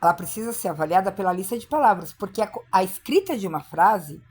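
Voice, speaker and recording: A woman explains classroom practice to teachers in a firm, emphatic way. Her voice sits in a middle pitch. She slips into short acted exchanges between teacher and child. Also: expressive, fast, a little mellow, breathy edge. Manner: emphatic, acts out classroom dialogues. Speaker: teacher trainer. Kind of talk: instructional talk for teachers.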